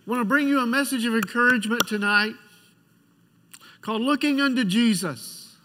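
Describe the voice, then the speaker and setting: A middle-aged man preaching a church sermon in a conversational, pastoral way, with halting restarts as he tells stories and prays. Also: extremely high pitch, bright, forceful tone. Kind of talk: church sermon with personal storytelling and prayer. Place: large church sanctuary. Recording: church hall with long reverb.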